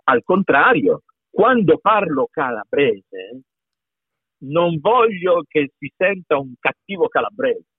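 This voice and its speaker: A man's voice: on the high side, slow pace, slightly rough, dry recording. Man, Piedmontese accent, middle-aged, emphatic, repeats himself, dry tinny call audio. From Piedmont, Italy. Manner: emphatic, repeats words, animated. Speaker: voice actor guest. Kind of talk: conversational interview. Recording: tinny phone-like call line.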